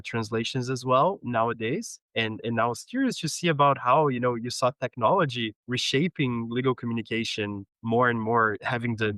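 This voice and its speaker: A man's voice: mid-range voice, bright, forceful tone, dry recording, poor audio. A man hosting an interview podcast, upbeat and enthusiastic as he introduces his guest and asks questions. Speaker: podcast host. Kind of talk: casual interview.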